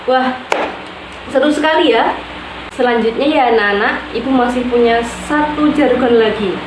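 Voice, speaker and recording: A woman teacher leading children through cheerful classroom clapping chants and drawn-out call-and-response lines. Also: on the high side. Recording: echoey room with steady background noise.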